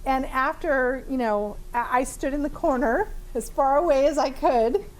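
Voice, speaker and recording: The recording is rough as a big-voiced woman therapist, chatty and quick to laugh, fills her live training demonstration with fillers in front of a small audience in a room. She speaks at normal speed in a high-pitched voice.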